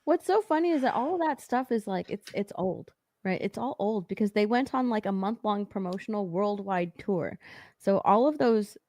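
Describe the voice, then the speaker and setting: A woman's voice: mid-range voice, animated, normal speed, darkish tone, no room sound. A woman on a live-stream panel, chatty and explaining things with lots of fillers. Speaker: panel guest.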